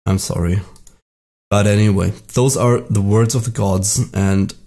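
A man's voice: on the low side, fairly even intonation, moderate pace, warm tone. A man hosting his own gaming channel, talking with a sick, strained voice in a rambling, self-deprecating way with many restarts. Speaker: video game channel host. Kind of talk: casual commentary to camera.

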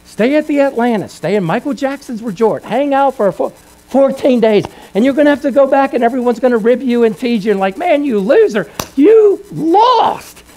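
A middle-aged man preaching an impassioned revival sermon. He tells stories dramatically, swinging between hushed, low passages and loud, raised ones. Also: brisk, poor audio. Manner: dramatic storytelling with big swings of pitch and loudness. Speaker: evangelist.

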